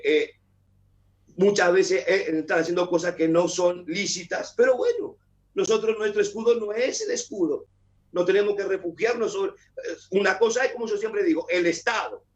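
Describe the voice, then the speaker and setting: A man's voice: high voice, lo-fi sound. A man with an Argentine accent giving an emphatic live religious talk as a guest speaker. He repeats his key phrases for emphasis. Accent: Argentine Spanish.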